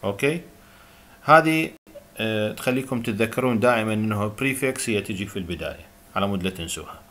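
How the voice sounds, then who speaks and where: A man with an Iraqi Arabic accent giving a recorded university lecture, reading English terms slowly and explaining them, with many hesitant filler sounds. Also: on the low side, fairly bright tone, a little hiss or hum.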